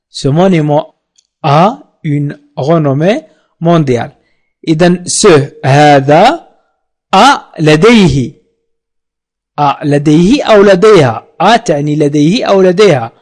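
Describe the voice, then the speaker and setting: A man giving a French lesson for beginners, repeating each word slowly and translating it into Arabic. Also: fairly high pitch, darkish tone. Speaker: French teacher. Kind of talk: slow bilingual language lesson.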